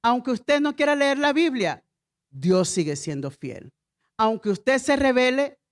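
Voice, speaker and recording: A middle-aged woman pastor preaching a sermon with emphatic repeated refrains and call-and-response to the congregation. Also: fairly high pitch.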